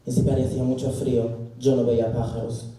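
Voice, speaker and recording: A man's voice: medium pitch, flat delivery, a little fast, warm tone, close to an everyday voice. A man playing a male Siberian birdwatcher in a stand-up act, delivering dry punchlines on a theater stage. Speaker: stand-up comedian. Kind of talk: character stand-up monologue. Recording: echoey hall mic from far off.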